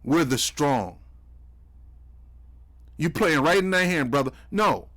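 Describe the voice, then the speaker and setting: Male commentary host, slightly high voice, preachy and mocking. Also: lively intonation, takes it slowly, a bit bright. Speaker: commentary host reacting to clips. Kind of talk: heated political commentary.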